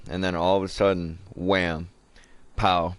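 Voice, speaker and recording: A man's voice: deep voice, little pitch movement, measured pace, no room sound. A man streaming a survival game live, talking casually to viewers, saying dude and man and swearing freely.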